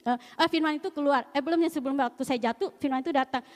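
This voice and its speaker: A middle-aged woman shares a testimony at a church service in a high, bright-pitched voice. She tells it in a chatty, slangy way and laughs often. Her voice carries a long reverb from the church hall. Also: fast talker. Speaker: church member giving testimony.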